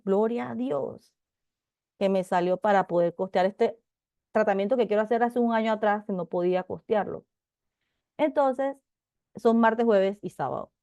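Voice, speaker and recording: A middle-aged woman teaching a Bible class, talking in an animated, chatty way with many asides and restarts. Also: medium pitch, no room sound. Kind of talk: casual testimony in a Bible class.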